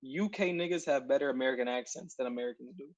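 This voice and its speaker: A man's voice: mid-range voice, fast, muffled recording. A man co-hosting a podcast in casual chat, joking and laughing as he talks over voice chat. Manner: joking, laughs while talking. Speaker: podcast co-host.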